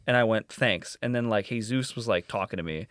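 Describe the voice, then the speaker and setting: A man's voice: lowish voice, fast, clear, resonant tone, no echo, studio quality. A young man co-hosting a podcast, telling party stories in casual chat and acting out what others said. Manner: animated storyteller, acts out quotes. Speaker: podcast co-host.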